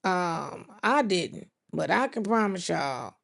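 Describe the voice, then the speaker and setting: Chatty woman with a gravelly voice. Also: on the low side, very animated, slow. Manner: chatty, talks straight to the chat, says y'all. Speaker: livestream podcast host. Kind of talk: casual livestream chat to viewers.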